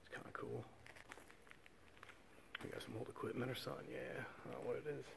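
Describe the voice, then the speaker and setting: A man's voice: mid-range voice, little pitch movement, fairly quick, vocal fry. Man murmuring while exploring a mill. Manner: hushed, half-whispered remarks while exploring. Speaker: urban explorer host. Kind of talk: quiet walking commentary. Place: inside an abandoned mill. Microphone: handheld camera without its mic. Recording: quiet camera audio with background noise.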